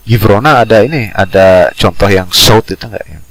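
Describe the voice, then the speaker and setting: Deep gravelly male lecturer. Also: no echo, faint music behind, low-quality recording. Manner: explanatory, hesitant with frequent filler pauses. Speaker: university lecturer. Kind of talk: online lecture. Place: home or office over a video call. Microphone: video call microphone.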